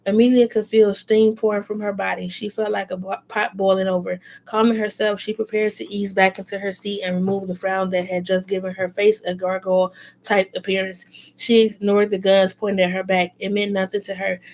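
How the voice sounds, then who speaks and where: Woman reader, novel read aloud, flat intonation, self-corrections, asides. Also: mid-range voice, a little fast, gravelly, rough recording.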